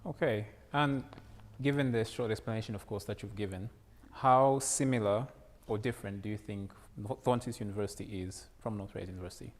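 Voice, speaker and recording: A man's voice: fairly low pitch, brisk, few pauses. A male interviewer asks his questions playfully, with light teasing and frequent "mm-hmm" prompts. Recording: hall reverb, faint background noise.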